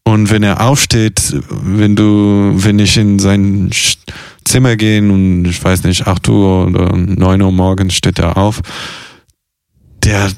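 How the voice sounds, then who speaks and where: A young man speaks in a low, smooth, resonant voice at a very unhurried pace. He hesitates a lot, filling gaps and restarting sentences. The sound is close and dry. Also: little pitch movement, darkish tone, dry recording. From half Italian. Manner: slow, hesitant, many fillers and restarts. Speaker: interviewee, circus artist and carer. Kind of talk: casual personal interview.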